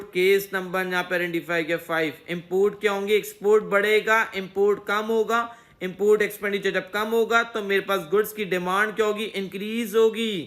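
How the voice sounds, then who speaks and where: A man's voice: sits high, fairly bright tone. A man teaching an economics lesson in speech, asking himself questions and answering them over and over. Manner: repetitive question-and-answer explaining. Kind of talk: recorded classroom lecture.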